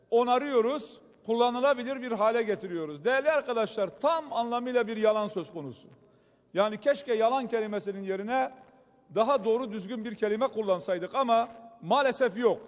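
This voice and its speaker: A man with a very high voice speaks from a podium microphone in a large assembly hall, and his words ring out with a long reverb. He delivers a combative political speech, pressing accusations point by point and turning again and again to his colleagues in the room. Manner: combative, accusatory, repeats "dear friends" to the hall. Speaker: member of parliament giving a speech.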